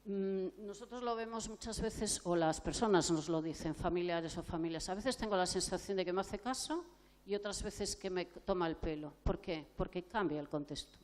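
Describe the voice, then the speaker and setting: Her voice sits in the mid-range and has a somewhat dark tone. Lecturing at a conference as a clinical psychologist, she lays out her ideas and poses rhetorical questions to the listeners.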